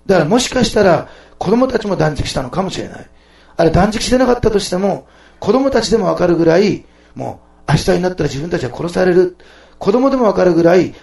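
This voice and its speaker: A man preaching a sermon, switching between loud exclamations and soft, quiet asides. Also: fairly high pitch, vocal fry. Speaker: pastor. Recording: echoey room.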